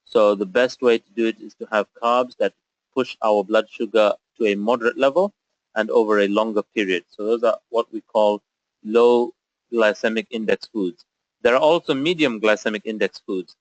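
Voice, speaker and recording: A man's voice: mid-range voice, dry recording, low-quality recording. A man who grew up in Zambia, presenting a nutrition webinar in a step-by-step explanatory way with frequent filler sounds. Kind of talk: webinar lecture.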